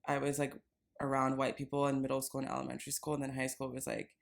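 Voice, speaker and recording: A woman's voice: a bass voice, monotone, quick pace, creaky. A young woman from Los Angeles co-hosting a podcast in a casual, rambling chat full of "like". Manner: rambling, heavy use of "like". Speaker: podcast co-host.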